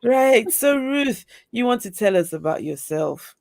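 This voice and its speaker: A woman from Africa hosting a casual interview chat, talking in a slow, reflective way with many fillers. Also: fairly high pitch, lively intonation, creaky, darkish tone, dry recording, studio quality. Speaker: host.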